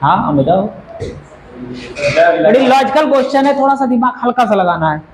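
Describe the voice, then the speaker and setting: High-voiced male teacher in an echoey classroom. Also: animated, normal speed, noisy background. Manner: explains patiently, asks the class questions. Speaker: English teacher.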